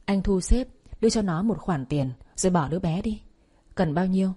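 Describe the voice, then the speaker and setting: A woman voicing a proud young wife betrayed by her husband, speaking with sharp, cutting accusations. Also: medium pitch, animated, moderate pace, husky. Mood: coldly controlled.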